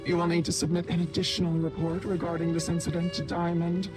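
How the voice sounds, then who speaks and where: An actor voicing a faceless corporate board official through a pitch-shifting voice changer, speaking in a formal, clipped, impersonal way. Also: monotone, fast talker, over music. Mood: formal, cold. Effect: voice changer, pitch shifted and disguised. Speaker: meeting chair. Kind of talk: video game voice acting.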